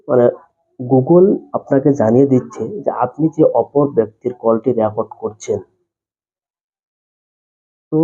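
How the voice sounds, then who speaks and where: Speaking with a warm tone at medium pitch, a man walks viewers through a phone tutorial step by step, going over things repeatedly and talking to them directly. He's a tech tutorial host, and his voice-over is muffled and dull with a lo-fi quality.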